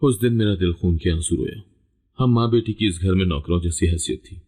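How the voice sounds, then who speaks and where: Deep husky male storyteller. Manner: steady, measured storybook reading. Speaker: story narrator. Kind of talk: scripted first-person storytelling narration.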